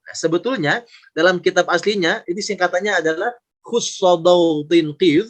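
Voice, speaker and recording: Guy with a pretty high voice teaching recitation on a video call, patient, drawing out sounds slowly and saying them again. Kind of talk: online tajweed lesson.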